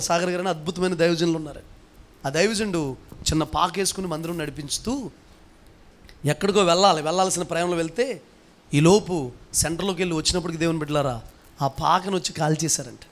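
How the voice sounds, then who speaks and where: High-voiced pastor preaching with emphasis. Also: male voice, fairly quick, long pauses, faint music behind. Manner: emphatic, fires rhetorical questions, calls the congregation to respond. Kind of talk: sermon.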